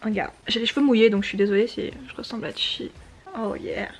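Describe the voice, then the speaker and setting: A woman in her twenties chatting casually to her camera at home, rambling with quick asides. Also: on the high side, little pitch movement, breathy edge. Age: 20s. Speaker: vlogger. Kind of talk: casual vlog chat to camera. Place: indoors at home, bedroom. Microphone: handheld compact camera.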